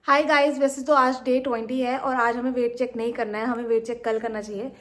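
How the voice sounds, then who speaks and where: A young woman with an Indian accent, chatting quickly and casually as a vlogger. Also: a little high, level tone, fairly bright tone. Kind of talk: casual vlog chat in Hindi-English mix.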